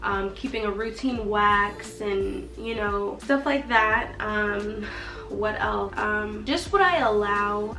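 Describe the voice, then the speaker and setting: A young beauty vlogger chats casually to camera, sounding a little nasal from allergies as she acts out her own past reactions. Her voice is medium-pitched and fairly bright but slightly off-mic, with roomy echo and faint music.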